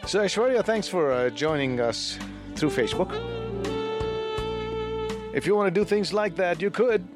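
Speaking at a normal pace with a high, lively voice, an Indian-accented man hosts a radio call-in show. He chats casually, teasing and flirting, and switches between English and Hindi. Music plays behind him.

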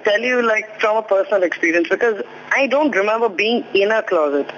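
A woman's voice: mid-range voice, lively intonation, a little fast. A woman calling in to a radio show, playful and giggly in casual chat. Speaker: radio caller. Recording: dull lo-fi radio with faint hiss.

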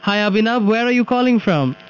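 A man hosting a casual radio show, upbeat and quick to laugh. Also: high voice, expressive. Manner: upbeat, laughs often, thanks callers. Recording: dull lo-fi with faint hum.

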